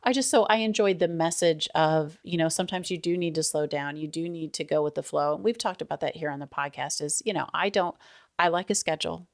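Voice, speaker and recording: A woman's voice: low voice, fairly quick, dry recording, clean studio sound. A middle-aged woman co-hosting a podcast in casual chat, rambling and laughing often. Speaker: podcast co-host.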